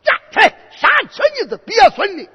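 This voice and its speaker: A man with a Henan accent voicing a brash, foul-mouthed warrior uncle who shouts and curses. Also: sits high, animated, measured pace, slightly rough, full character voice. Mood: mocking. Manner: coarse, shouting, cursing. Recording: echoey lo-fi hall recording.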